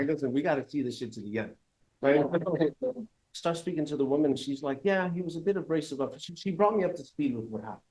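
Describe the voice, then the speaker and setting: A man telling a crude story on stage, profane and animated, laughing as he goes. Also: fairly high pitch, rough recording. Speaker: live storyteller. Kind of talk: live storytelling.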